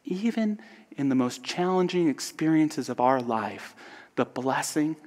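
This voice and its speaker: A man giving a reflective spiritual talk in a soft, earnest way that sometimes drops to a whisper. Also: a little high, lively intonation, unhurried. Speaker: speaker. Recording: long hall reverb.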